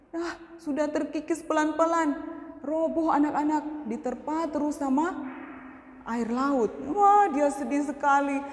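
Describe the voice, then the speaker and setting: A woman telling a moral story to schoolchildren in a school chapel, animated and speaking directly to the kids, her voice echoing in the hall. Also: high-pitched. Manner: animated storyteller addressing children. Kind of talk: children's chapel story and sermon.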